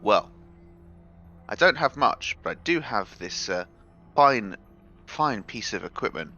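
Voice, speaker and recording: A man's voice: fairly low pitch, expressive, unhurried, bright, forceful tone, faint music behind. A man playing his character at a tabletop game, haggling and tripping over his words. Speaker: player. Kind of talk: in-character tabletop role-play. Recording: dull, lo-fi mic.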